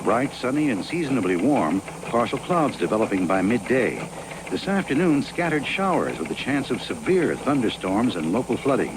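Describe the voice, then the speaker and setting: A male announcer delivers a weather-forecast style advert with lively, swooping intonation at a middling pitch. It is an old TV spot with clear noise behind him. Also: moderate pace. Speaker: commercial announcer. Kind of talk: mock weather forecast ad read. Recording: noisy 1980s television ad.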